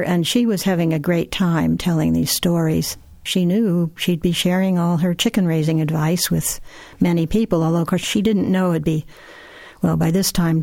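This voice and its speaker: Recorded in a dry studio with no room sound, a low-voiced woman reads passages from her work and responds to a radio interviewer. As the guest author, she tells stories warmly and laughs as she goes.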